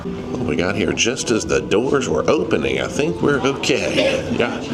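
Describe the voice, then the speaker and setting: Aboard a cruise ship, a travel vlogger narrates his casual vlog across various spaces in a playful, exclamatory way. His voice is on the low side with big pitch swings and a measured pace, set against loud music, clear background noise and ship ambience.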